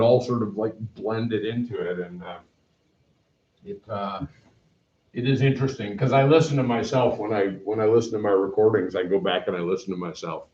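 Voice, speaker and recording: Recorded from across a classroom with a whiteboard, a middle-aged Canadian man teaching math chats casually to his class, rambling and poking fun at himself. His voice is lowish and darkish, and the sound is roomy and dull.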